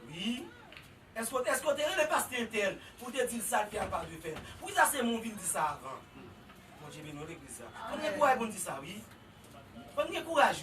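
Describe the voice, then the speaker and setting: A man preaching a sermon in a church with a Haitian Creole accent, swinging from low murmurs to shouted exhortations. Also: distant mic, a little hiss or hum.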